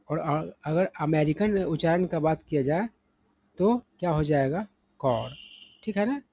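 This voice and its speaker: A man's voice: a little high, warm tone, slightly rough, dry recording. A man teaching English vocabulary, patient and repetitive, often asking the listener rhetorical questions. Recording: dull, lo-fi sound.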